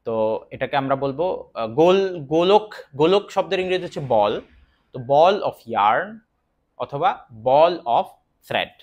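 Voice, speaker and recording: Man teaching English words, slightly high voice. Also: a bit bright. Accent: Bangladeshi. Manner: explains slowly, spells words letter by letter; chatty asides about his own life. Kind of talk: vocabulary lesson.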